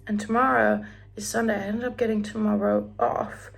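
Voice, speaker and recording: In a casual get-ready-with-me chat, a young Australian beauty vlogger talks with a flat delivery in a gravelly, mid-range voice at normal speed. She rambles on while doing her hair and makeup at home, occasionally singing or lowering to a whisper.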